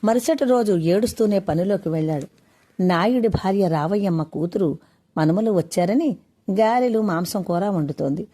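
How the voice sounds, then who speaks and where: Storyteller: a woman narrator with a mid pitch, earnest and expressive. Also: moderate pace. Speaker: author and narrator.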